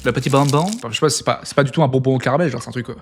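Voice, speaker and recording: A young man tasting foods in a casual vlog, jokey and excitable, with sudden loud outbursts. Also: mid-range voice, racing, soft background music.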